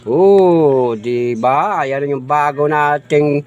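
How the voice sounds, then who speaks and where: A middle-aged man vlogging about his new microphone. He talks slowly and loosely, tossing in the same filler phrases again and again. He runs through sound checks, sometimes from farther off the mic. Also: mid-range voice, lo-fi sound. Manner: chatty and repetitive, says "guys" and "oh, di ba" often. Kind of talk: casual unboxing vlog.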